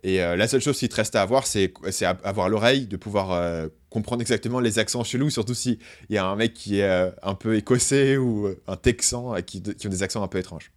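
A man's voice: fairly low pitch, fairly quick, hardly any pauses. Hesitant man, casual chat. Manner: hesitant, repeats words, many fillers. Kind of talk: casual conversation.

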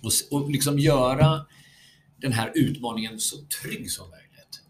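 Male guest lecturer, mid-pitched, animated storyteller, salty language, conversational. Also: slight background noise. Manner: animated storyteller who swears freely and acts out quotes. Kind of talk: conversational podcast talk.

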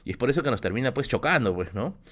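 A man's voice: medium pitch, animated, fast, a bit bright. A man tells stories to his live-stream chat. He rambles, restarts his sentences and keeps checking in with his viewers. He is getting over a bad flu. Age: 30s. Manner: rambling, many restarts and filler "¿ya?". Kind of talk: casual storytelling on a live stream.

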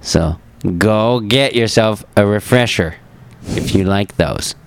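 A man's voice: fairly low pitch, slow pace, clear, resonant tone. A man hosting a podcast in casual chat, joking and rambling, correcting himself, with a cough. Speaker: podcast host.

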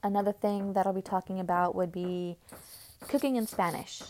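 A woman hosting a casual solo podcast, talking in a chatty, rambling way with many pauses and restarts. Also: medium pitch, steady tone, mellow, slight background noise. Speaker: podcast host.

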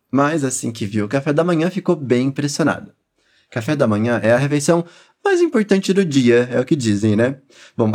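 A man with a Brazilian Portuguese accent leading a pronunciation lesson, encouraging learners and modelling words slowly for them to repeat. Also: a little high, a little mellow. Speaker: language teacher.

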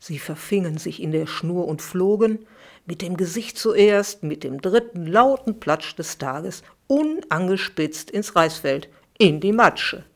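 A middle-aged woman, a children's author, reading her own bedtime story aloud for a podcast in a lively, expressive way. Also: lowish voice, measured pace, a little hiss or hum.

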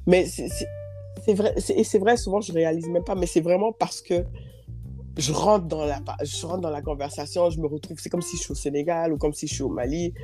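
A woman's voice: low voice, fairly even intonation, brisk, warm tone, faint music behind. A woman being interviewed, speaking fluently and expressively in a conversational tone, with some repetitions. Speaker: interview guest, community leader.

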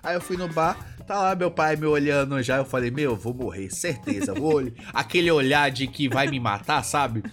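A man's voice: a little high, normal speed, hardly any pauses, faint music behind. A man with a Brazilian Portuguese accent telling a childhood story in a casual podcast chat, acting out the people in it. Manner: animated, acts out voices in anecdotes. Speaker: podcast co-host.

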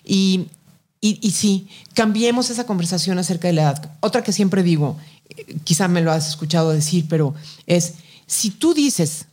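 A woman's voice: on the low side, animated, moderate pace, a little mellow. A middle-aged Mexican woman, a podcast guest, giving advice in an emphatic, colloquial way. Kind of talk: casual conversation.

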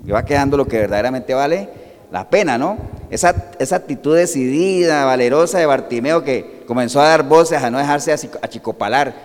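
A man's voice: medium pitch, expressive, fairly quick, big-room sound. A man preaching a sermon, asking the congregation questions and answering them himself.

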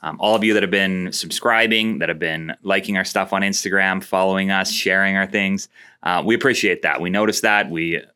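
A man's voice: sits low, steady tone, a little fast, sharp tone, clean tone. A man with a Canadian accent hosting a podcast and asking casual interview questions with fillers and restarts. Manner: friendly, loosely phrased questions with fillers. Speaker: podcast host.

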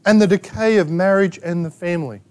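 An Australian man preaches with a notably high voice. He delivers his sermon emphatically, firing rhetorical questions and sharp asides at his congregation. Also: a little fast, smooth. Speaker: pastor. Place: church gathering in a rented hall.

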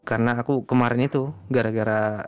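A man, a guest streamer, chatting casually in an interview, relaxed and rambling with lots of fillers. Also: mid-range voice, fast, clean tone, no echo.

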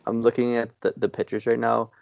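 A man co-hosting a podcast, chatting casually about sports in a rambling, self-deprecating way with halting restarts. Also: mid-range voice, level tone, gravelly, darkish tone, no room sound, muffled recording. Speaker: podcast co-host.

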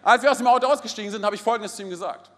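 Energetic high-voiced preacher in a hall. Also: male voice, rapid-fire. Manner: energetic, calls out to the congregation. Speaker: pastor. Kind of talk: sermon. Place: large church hall. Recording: hall reverb with faint music.

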